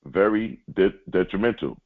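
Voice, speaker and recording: A man with a lowish voice delivers a spiritual lesson like a sermon, addressing the audience as ladies and gentlemen. He slows down to repeat his main points. The sound is thin and tinny, like a phone line. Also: lively intonation. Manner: repeats key lines slowly for emphasis; addresses listeners directly. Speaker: spiritual teacher. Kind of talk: sermon-like teaching.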